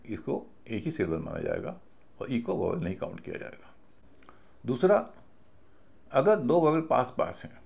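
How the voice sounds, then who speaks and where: Patient male teacher with a gravelly voice. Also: medium pitch, darkish tone. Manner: slow, patient explaining, spelling words letter by letter. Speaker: English pronunciation teacher. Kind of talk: recorded video class.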